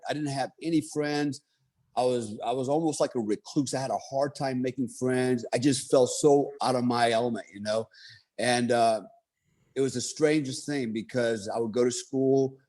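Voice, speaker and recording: A man in his fifties from the United States tells his own life story in a loose, rambling monologue packed with fillers and restarts. His voice is mid-range with a darkish tone.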